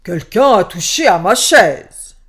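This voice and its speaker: A woman voicing a huge papa bear who shouts every line in a big loud voice, in a children's storybook reading. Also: medium pitch, sing-song, slow pace, husky, full character voice. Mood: indignant. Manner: shouting loudly.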